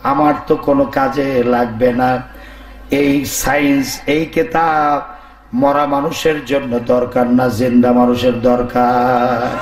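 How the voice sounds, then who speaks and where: Weary dismissive corpse, low flat voice, hoarse, echoey sound, put on by a preacher. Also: male voice, slow, close to an everyday voice. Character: a dead man's corpse, weary and indifferent.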